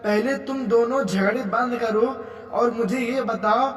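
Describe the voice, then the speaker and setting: A performer voicing an exasperated son trying to settle a family quarrel in a cartoon comedy skit. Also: male voice, very high voice, measured pace. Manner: exasperated, placating. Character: weary son caught between wife and mother. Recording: echoey, distant, loud music behind.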